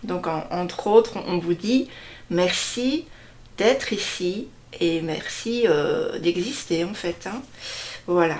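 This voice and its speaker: A woman slowly presenting a deck of cards one by one, hesitating often and stressing each card name. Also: fairly low pitch, a little mellow, a little hiss or hum. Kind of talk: casual card unboxing walkthrough.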